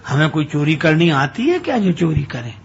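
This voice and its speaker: A man's voice: fairly high pitch, sing-song, moderate pace, creaky, breathy edge, lo-fi sound, exaggerated voice. A man voicing a simple, naive older male devotee who speaks earnestly and plainly.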